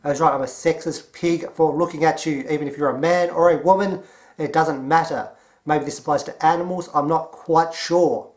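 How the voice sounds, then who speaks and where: Sarcastic Australian man, rather high voice. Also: moderate pace. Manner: mocking, deadpan, emphatic. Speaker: commentary vlogger. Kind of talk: sarcastic commentary.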